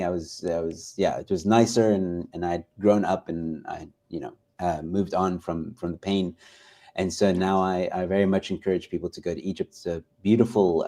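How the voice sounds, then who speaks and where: A young man with an American accent, a guest telling his life story in casual talk, often pausing with ums and restarting his sentences. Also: sits low, mellow. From United States. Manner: hesitant, many ums and restarts.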